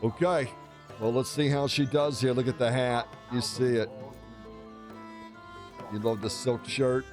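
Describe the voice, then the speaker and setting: A man's voice: medium pitch, fairly even intonation, a little slow, long pauses, faint music behind. A man giving casual, exclamatory commentary over a video game playthrough, with a playfully boastful manner. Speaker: gaming video host.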